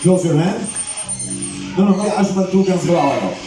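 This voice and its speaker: High-voiced male animal show trainer, very echoey. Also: expressive, racing. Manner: showman addressing audience with questions and commands. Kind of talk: live bird show presenting to an audience. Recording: very echoey venue, distant, music behind.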